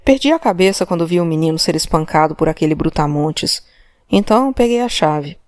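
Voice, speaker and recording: A woman's voice: low-pitched, lively intonation, fairly quick, darkish tone, no echo, clean studio sound. A woman reading an audiobook, voicing an old immigrant father who answers in short, hesitant words. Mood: subdued. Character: old Portuguese immigrant father, ashamed, timid. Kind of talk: audiobook character voice.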